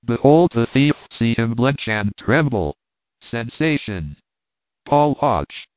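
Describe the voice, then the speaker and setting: A man's voice: medium pitch, big pitch swings, slow, no echo. A man narrating an audiobook in a dry, wry storytelling manner. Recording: dry, tinny phone-like sound.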